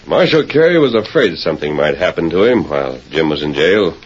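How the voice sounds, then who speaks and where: Lone Ranger, deep and steady. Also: male voice. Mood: firm. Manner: firm, measured, commanding. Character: calm, steady masked hero of the West. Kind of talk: 1940s radio acting. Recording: dull lo-fi old radio broadcast with faint hiss.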